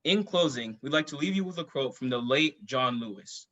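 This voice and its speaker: A teenage male student presenter delivering a rehearsed startup pitch at a competition. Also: lively intonation, moderate pace, fairly bright tone, highs cut off.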